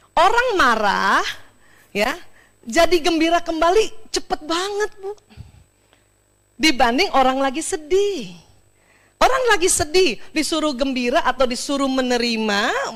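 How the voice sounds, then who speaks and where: High, animated woman giving a religious talk. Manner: expressive, laughs often, speaks directly to listeners. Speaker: speaker at an Islamic study session. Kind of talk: lively talk to an audience of women.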